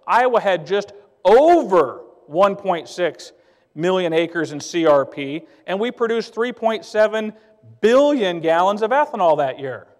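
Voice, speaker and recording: A man giving an emphatic, plainspoken conference speech as a trade association director. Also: a little high. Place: conference hall. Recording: long hall reverb.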